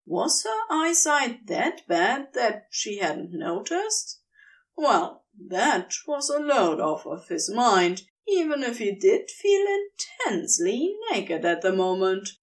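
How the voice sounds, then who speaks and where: A woman reading a fanfiction audiobook with wry, unhurried storytelling. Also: a little high, recorded from a distance. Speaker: podfic reader.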